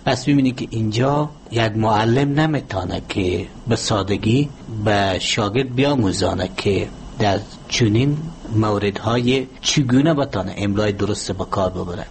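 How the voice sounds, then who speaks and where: A man with an Afghan Dari accent, a language expert answering interview questions in a measured, lecturing way with frequent hesitant pauses. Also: fairly low pitch, slight background noise.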